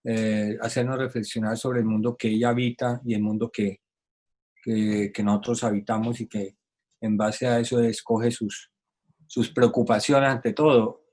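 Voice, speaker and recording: A man hosts a talk over a video call, at a medium pitch. He puts his question together slowly, with plenty of filler sounds and repeated words. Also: level tone, a little mellow. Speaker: host. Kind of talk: online talk interview.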